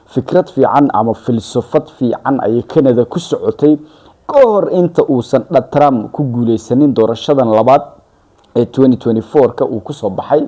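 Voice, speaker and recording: A man's voice: mid-range voice, warm tone. A Somali-accented man giving explanatory news commentary in a wordy way, often repeating and rephrasing his points.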